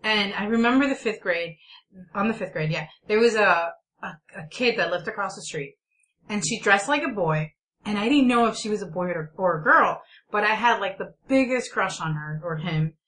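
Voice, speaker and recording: Casting: female chat show host, mid-range pitch, crisp forward bright tone, informal delivery. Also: expressive, moderate pace, low-quality recording. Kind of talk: casual chat.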